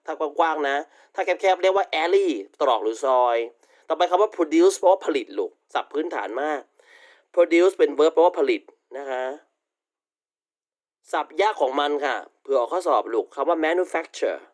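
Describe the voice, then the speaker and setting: A man's voice: on the high side, animated, moderate pace. A male university English teacher giving a recorded online vocabulary lecture, affectionately calling students "child" and repeating polite tag particles.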